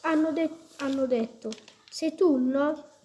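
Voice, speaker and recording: A woman voicing a rough, mocking village warrior in a storybook reading. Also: high voice, fairly even intonation, takes it slowly, warm tone. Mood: brusque. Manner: brusque, mocking.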